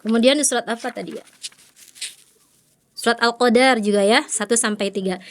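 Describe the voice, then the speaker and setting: A woman's voice: fairly high pitch, a little fast. A woman Quran recitation teacher, patiently correcting a student and modelling letter sounds again and again. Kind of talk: one-on-one recitation feedback.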